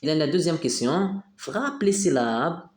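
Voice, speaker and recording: A man teaching a phonics lesson to young pupils, slowly repeating each word, sometimes switching to Arabic to explain. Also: fairly high pitch, lively intonation. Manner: slow, drawn-out repeating of words, switching into dialect Arabic for explanations. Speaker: primary school teacher. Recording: echoey room.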